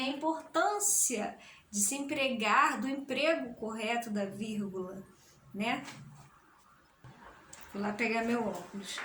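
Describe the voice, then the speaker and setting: A woman's voice: high voice, bright, forceful tone, a little hiss or hum. A woman with a Brazilian Portuguese accent teaching a recorded classroom lesson, explaining patiently and often checking that her students follow. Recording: roomy echo.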